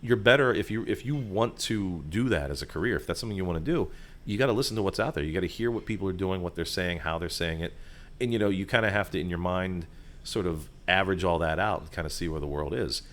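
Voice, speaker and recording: Deep-voiced man explaining voiceover work. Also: fast talker, fairly bright tone. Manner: chatty, many fillers and asides. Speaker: voiceover artist and sound designer, guest. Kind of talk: conversational explaining. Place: restaurant.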